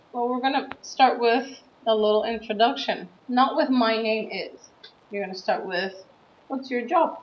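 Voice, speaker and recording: Patient woman teacher in an echoey room. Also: on the high side. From USA. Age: 30s. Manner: slow, patient explaining with stressed words. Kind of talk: classroom writing lesson. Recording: dull, roomy recording with faint background noise.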